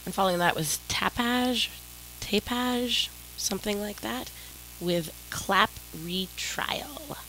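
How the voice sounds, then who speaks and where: Speaking slowly in a medium-pitched voice with a sharp tone, this radio DJ rambles casually through her own music show, apologizing and poking fun at herself. She has a cold-stuffed nose, and the low-quality recording from her home mic is full of static and faint noise.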